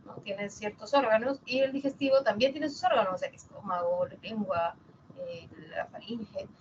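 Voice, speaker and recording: A woman's voice: fairly high pitch, lively intonation, normal speed, a little mellow, muffled recording, a little hiss or hum. A woman teaching a language lesson, explaining patiently and checking in with her students as she goes. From Peru. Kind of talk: online class lecture.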